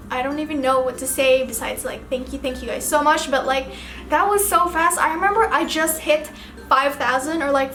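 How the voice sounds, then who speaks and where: A young Filipino woman with a Filipino accent chats casually through her makeup vlog, rambling and filling her talk with "like" and other fillers. Her high voice has a fairly bright tone and sounds reverberant.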